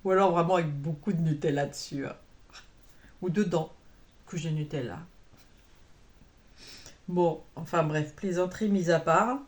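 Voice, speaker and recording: A woman's voice: deep voice, a little slow, pauses often. A woman vlogging about cross-stitch in a chatty, rambling way, full of fillers and self-corrections. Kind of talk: casual chat to camera.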